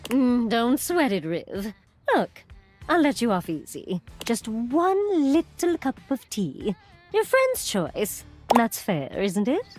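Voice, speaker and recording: High, sassy, gossipy game character. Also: female voice, big pitch swings, slow pace, darkish tone, faint music behind, exaggerated voice. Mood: teasing. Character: sassy, nosy, gossip-loving female friend, playfully pushy. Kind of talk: video game character acting.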